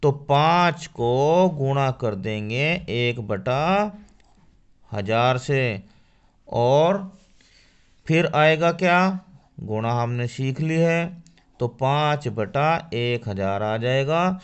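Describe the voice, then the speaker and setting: A man's voice: mid-range voice, animated, drawn-out words, clear, resonant tone, muffled recording. A man teaching a school maths lesson to children. He asks questions and answers them himself. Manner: addresses children directly.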